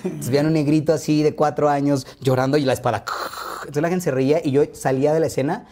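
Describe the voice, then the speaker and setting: A Mexican man in his thirties tells his childhood stories to an interviewer, rushing through the anecdotes with plenty of asides. He speaks with a Mexican Spanish accent. His delivery is very fast, and his voice is dark and mellow. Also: a little high. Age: 30s. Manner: lively, quick anecdotes with frequent asides. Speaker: interview guest. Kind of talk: relaxed interview storytelling.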